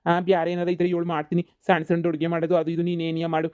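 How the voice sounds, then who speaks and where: A tired village husband from a cartoon comedy, as a woman acts him out. He grumbles and complains in quick, rushed bursts. He sounds worn down. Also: lowish voice, completely flat delivery, a little mellow, natural voice. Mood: grumbling.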